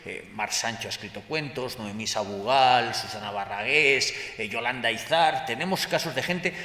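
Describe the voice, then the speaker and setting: A man's voice: mid-range voice, normal speed, bright, forceful tone. A man moderating a panel discussion, hesitant and full of fillers and restarts, in a large hall. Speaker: moderator of a round table. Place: large hall at a book fair. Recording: roomy hall with long reverb.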